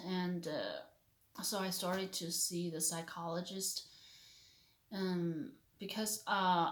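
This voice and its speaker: This stay-at-home mom and vlogger from China, in her thirties, shares a sincere testimony of her faith in accented, non-native English, pausing as she hunts for the right words. She has a lowish voice, recorded in a roomy space.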